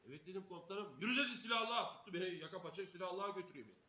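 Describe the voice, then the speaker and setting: Racing along in a high, animated, bright and forceful voice, a young Turkish streamer tells a story casually. He's constantly swearing, acting out each quote, and laughing mid-story. It's recorded on a streaming mic, with room echo and a faint hiss.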